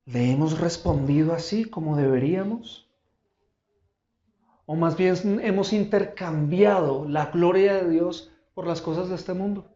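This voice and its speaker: Male pastor, high voice, emphatic sermon delivery, recorded in a roomy church. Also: dark tone, lo-fi sound. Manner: emphatic preaching with dramatic pauses and repeated questions. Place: church auditorium.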